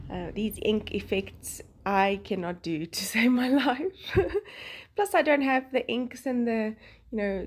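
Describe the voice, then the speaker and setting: A Bible journaling host narrates her craft process in a medium-pitched, slightly mellow voice. She has a South African accent, speaks Afrikaans as her first language, and chats away with frequent laughs between phrases.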